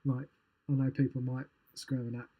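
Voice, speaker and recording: A man's voice: mid-range voice, flat delivery, moderate pace, husky, phone-quality sound. A man, rambling and chatty as a co-host in a casual podcast chat, laughing easily.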